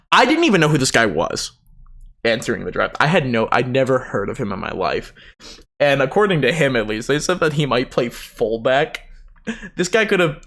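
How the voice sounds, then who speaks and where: Animated man doing casual game commentary. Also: medium pitch. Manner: informal, sweary, animated. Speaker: gaming commentator.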